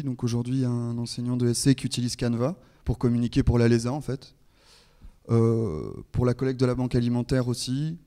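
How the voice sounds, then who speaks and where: A man's voice: medium pitch, mellow. A man in his thirties answering on a panel, matter-of-fact, with hesitant phrasing. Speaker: panel guest. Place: stage of an indoor conference hall. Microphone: handheld microphone.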